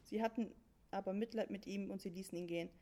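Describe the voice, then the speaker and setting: A woman's voice: medium pitch, fairly even intonation, quick pace, warm tone. A woman narrating a fairy tale in casual youth slang.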